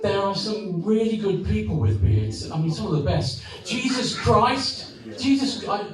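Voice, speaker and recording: A man doing live stand-up comedy, rambling and halting, with deadpan asides to the audience. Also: high-pitched, a crowd in the background. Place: comedy venue. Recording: echoey live room, far mic, audience.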